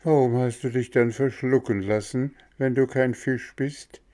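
A man voicing a calm, resigned dolphin with a hoarse voice, speaking in a raised register. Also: mid-range voice, unhurried, pitched above the performer's own voice, close to an everyday voice.

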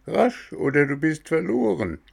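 A man voicing an anxious goat who bleats urgent warnings in a high, loud voice. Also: sing-song, a little slow, vocal fry, husky, exaggerated voice.

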